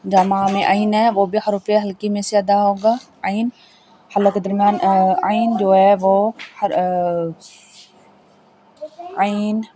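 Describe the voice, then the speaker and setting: A woman teaching a Tajweed lesson, spelling out letters slowly and patiently explaining how each one is pronounced, with faint background noise. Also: mid-range voice, dark tone. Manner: slow, patient, repeats each point. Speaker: Quran reading teacher.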